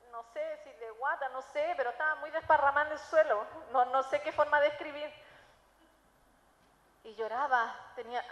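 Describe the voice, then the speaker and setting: A Chilean woman with a high voice shares her personal testimony in a sermon, swinging between loud bursts and quiet asides. Her voice rings through a large church hall with a long, echoing reverb. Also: highs cut off. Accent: Chilean Spanish. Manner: emotional storytelling, shifts between loud and hushed. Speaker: preacher giving testimony. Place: church sanctuary.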